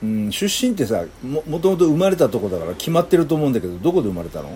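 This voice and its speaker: A man's voice: a little high, big pitch swings, racing, mellow, a little hiss or hum. A man chatting casually with an AI and teasing it playfully. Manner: teasing, playful, slips into Kansai dialect. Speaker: user chatting with an AI. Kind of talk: casual chat.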